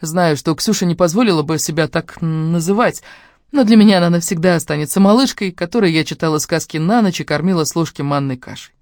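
A woman narrating a romance novel in the first person, with an expressive, emotional reading. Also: on the low side, fast talker, no echo, studio quality. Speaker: audiobook reader.

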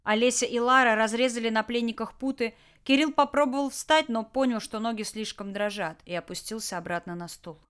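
A woman narrating an action audiobook with a lively, dramatic delivery. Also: on the high side, a little fast, hardly any pauses, clear, resonant tone. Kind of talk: expressive scripted narration.

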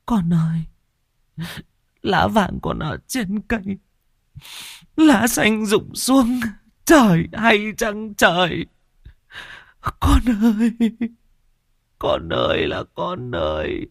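A woman voicing a grief-stricken older mother who wails a drawn-out lament for her son, in an audio storybook. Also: on the high side, expressive, a bit bright, no room sound, studio quality. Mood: wailing. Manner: wailing lament.

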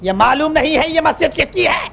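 A preacher voicing an angry, hostile male imam who shouts and scolds. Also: very high-pitched, lively intonation, gravelly, slight background noise, pitched above the performer's own voice, exaggerated voice. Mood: angry shouting. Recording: muffled lo-fi sermon recording.

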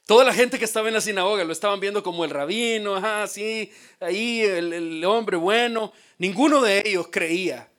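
A male pastor preaching a sermon in a dramatic style, dropping to a hush and then rising to shouts. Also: high voice, moderate pace. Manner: dramatic, acts out quoted voices, swings from hushed to shouted.

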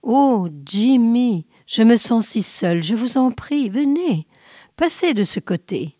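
A woman's voice: on the high side, expressive, slow, dry recording, clean studio sound. A woman voicing a pleading phantom girl. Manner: soft, pleading. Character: sad, gentle young ghostly girl pleading. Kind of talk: audiobook reading.

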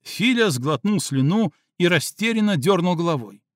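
Expressive male audiobook narrator. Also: high-pitched, moderate pace, dry recording, clean studio sound.

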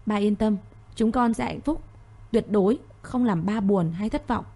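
A woman voicing a firm, protective young man in an audio story. She speaks in her own mellow voice, calm and steady. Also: mid-range voice, normal speed, lightly acted. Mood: firm reassuring.

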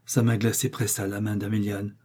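A man reading a historical romance aloud with measured, expressive narration. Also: fairly low pitch, slightly rough. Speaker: audiobook reader. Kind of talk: dramatic novel reading.

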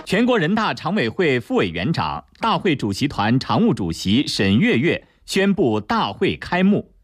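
A man's voice: fairly high pitch, wildly swooping pitch, moderate pace, faint music behind. A man with a standard mainland Mandarin accent giving formal, solemn, declamatory scripted news narration.

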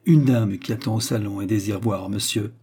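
A man's voice: lowish voice, moderate pace, dark tone, slight background noise, lightly acted. A man reading a deferential manservant. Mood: plain. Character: male valet, plain and deferential.

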